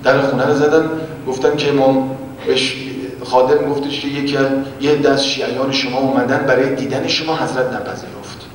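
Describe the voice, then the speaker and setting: A man preaching and retelling a religious story, swinging from loud exclamations to hushed whispers. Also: little pitch movement. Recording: echoey hall, distant mic, faint rumble.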